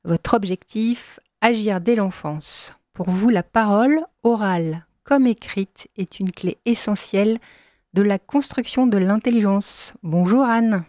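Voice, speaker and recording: A woman hosting a radio talk show, introducing guests in a measured way. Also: medium pitch, darkish tone, no echo, studio quality. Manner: measured, slowing on key phrases, light laughs. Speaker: radio host.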